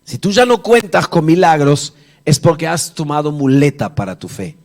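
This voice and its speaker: Animated man preaching a sermon. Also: on the high side, normal speed. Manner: animated storytelling, acting out Bible dialogue; conversational, jokes with the congregation. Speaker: pastor. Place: church service before a congregation.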